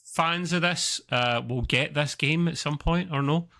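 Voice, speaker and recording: This podcast host is a man who talks video games in a casual, chatty, excitable way, wandering from point to point at a measured pace. His tone is bright with a hint of tension, and his pitch jumps whenever he gets worked up. He seems like a regular who knows his co-hosts well.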